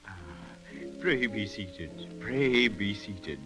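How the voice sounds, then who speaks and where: A man playing a deluded, courtly king hosting imaginary guests in an old radio drama, grandly gracious, theatrical and halting. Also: fairly low pitch, expressive. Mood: gracious, delighted. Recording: 1930s radio recording, faint music.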